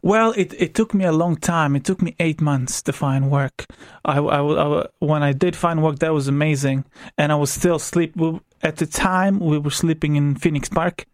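A young Croatian-accented man speaks in a fairly high voice, recorded dry and close in a radio studio. He tells his story candidly but hesitantly, full of restarts and small fillers. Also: moderate pace, few pauses, dry recording. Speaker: interview guest. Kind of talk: radio interview.

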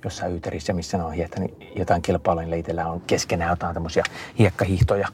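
A man's voice: sits low, a little hiss or hum. A middle-aged man answering an interviewer in casual conversation, telling long rambling stories full of fillers and restarts. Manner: rambling, lively storytelling with many fillers and restarts. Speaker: interview guest, endurance skier.

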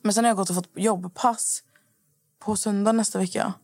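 A woman co-hosting a casual podcast and chatting in a relaxed way. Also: mid-range voice, no room sound. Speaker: podcast co-host. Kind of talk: casual chat.

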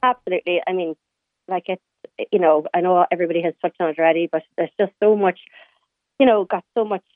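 A Donegal Irish woman calls in over a tinny phone line. She talks very quickly and informally, sharing personal memories in a chatty, conversational way. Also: on the low side, fairly even intonation, dry recording. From County Donegal, Ireland. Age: late 30s. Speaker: radio phone-in caller. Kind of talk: personal reminiscence in casual conversation. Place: phone call to a radio show. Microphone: telephone.

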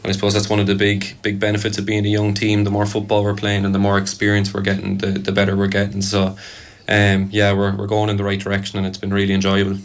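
Young male Irish athlete, soft neutral accent, deep monotone, hesitant and measured in interview. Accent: soft, fairly neutral Irish. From Kerry, Ireland. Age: young adult. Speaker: Gaelic football player being interviewed. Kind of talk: casual interview answers.

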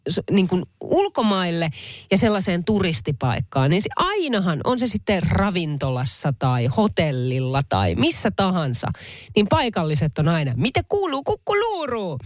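A woman radio host talking with a lively, swooping voice, on the lower side for a woman. She chats casually and reads listener messages in a dry, close studio sound. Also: dry recording. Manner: chatty, animated, reads listener messages aloud. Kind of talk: casual radio show chat. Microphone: studio microphone.

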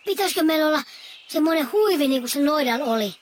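Vesa, a high little squirrel boy. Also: lively intonation, slight background noise. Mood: curious. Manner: curious, a bit lazy and whiny. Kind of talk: children's audio story acting.

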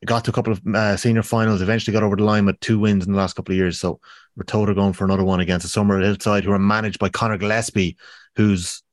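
A man's voice: fairly low pitch, flat delivery, rapid-fire, dry recording, clean studio sound. A man with an Irish accent hosting a casual sports podcast, giving a round-up.

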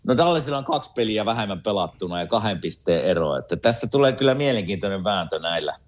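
A man talking hockey in an easygoing, relaxed way as a guest on a casual sports chat. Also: on the low side.

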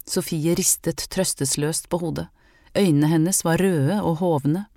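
A woman reading a historical novel aloud in calm, measured narration. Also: sits low, no echo, clean studio sound. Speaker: audiobook reader. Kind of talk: scripted narration.

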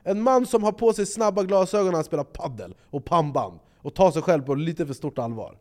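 A man talking in casual podcast chat, fired up and swearing freely. His voice swings widely, and he acts out other people's lines in loud voices. He sits a little higher than most men. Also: animated. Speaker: podcast co-host.

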